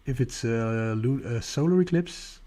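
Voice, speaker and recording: A Dutch-accented man hosts a live stargazing stream, chatting casually and responding to viewers' comments. His medium-pitched voice moves at a measured pace, and his manner as an astronomy livestream host is relaxed and chatty, with frequent laughter.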